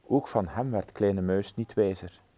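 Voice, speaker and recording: Mellow man reading a story. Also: lowish voice. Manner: gentle, measured storytelling. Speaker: storybook reader. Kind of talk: children's story read-aloud.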